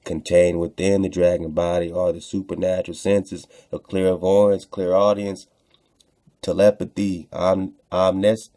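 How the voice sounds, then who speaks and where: This online radio host has a low, mellow voice with little pitch movement and an unhurried pace. He reads texts aloud, comments on them casually, leans on repeated phrases for emphasis and talks to listeners in slang.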